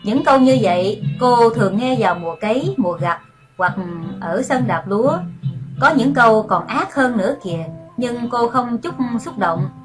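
A woman's voice: on the high side, lively intonation, normal speed. Woman narrating a story over music. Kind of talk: audiobook narration.

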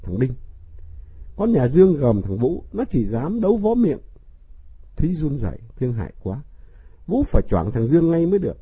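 A man narrating a novel in an expressive storybook manner. His voice is dark and husky, with a lively rise and fall in pitch. The recording is dry and somewhat dull, like an older lo-fi transfer. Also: fairly quick, dry recording. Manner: expressive reading. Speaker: audiobook narrator.

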